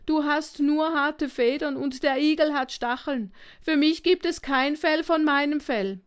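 A woman's voice: high-pitched, animated, unhurried, pitched above the performer's own voice. A woman voicing a lonely young male monkey who whimpers and pleads in a storybook. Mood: sobbing, indignant.

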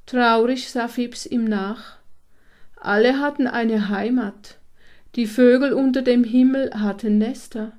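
Slow, expressive woman storyteller. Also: on the high side. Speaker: narrator. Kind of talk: storybook read-aloud.

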